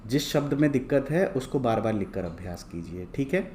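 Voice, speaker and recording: A man teaching a lesson from worksheets, reading each word twice, slowly and clearly, and asking questions he then answers himself. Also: medium pitch, very animated, dark tone, a little hiss or hum. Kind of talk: slow, patient lesson going through worksheets.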